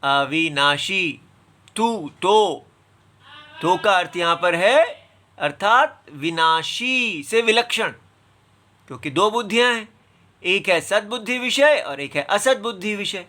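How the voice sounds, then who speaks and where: A man teaching a scripture class, patiently explaining and breaking words apart syllable by syllable, sometimes reciting verses in a slow chant. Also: high-pitched, animated, bright, forceful tone.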